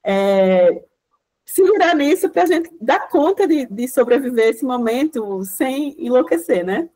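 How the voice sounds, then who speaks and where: A project coordinator guest-lectures an online class by video call in a high, mellow, animated voice, a touch slow. She explains in a rambling way, often adding "né" and starting sentences over.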